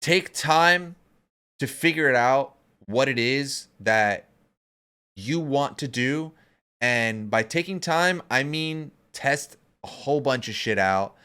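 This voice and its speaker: A man in his thirties co-hosting a podcast, chatting casually. He talks with emphatic, profane conviction, like a pep talk. His voice sits at an ordinary middle pitch. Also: expressive, takes it slowly, bright, forceful tone, clean tone. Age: 30s. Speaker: podcast co-host.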